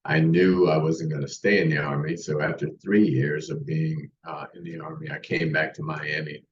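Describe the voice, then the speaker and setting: His pitch is extremely low and barely moves, delivered at normal speed. In this casual interview, a US man in his sixties guests on a podcast, restarting often as he meanders through his life story, captured on a distant, roomy, muffled remote mic with a bit of hiss or hum.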